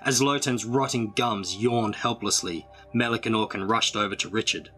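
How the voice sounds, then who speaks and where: A man reading a storybook aloud in a dramatic, measured way. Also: fairly low pitch, sharp tone, soft background music. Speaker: storybook reader.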